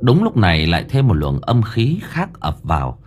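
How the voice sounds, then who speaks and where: A man narrating an audiobook story in a dramatic, expressive storytelling manner. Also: lowish voice, normal speed, very noisy.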